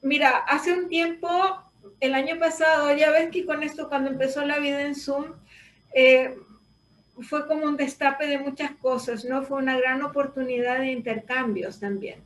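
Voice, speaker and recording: A woman voice teacher, explaining things thoughtfully with pauses in a reflective conversation. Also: high voice, steady tone, reverberant, distant mic, rough recording.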